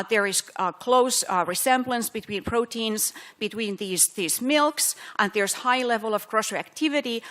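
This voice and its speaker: A middle-aged woman from Finland giving a scientific conference lecture, explaining carefully with many pauses and fillers. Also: mid-range voice, sharp tone. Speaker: physician researcher giving a conference talk.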